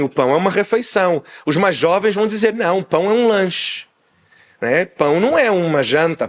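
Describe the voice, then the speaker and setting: A man preaching a sermon as pastor, loud by habit and animated, acting out small dialogues as he explains. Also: a little high. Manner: animated, acts out little dialogues; speaks loudly by habit. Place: church in Portugal.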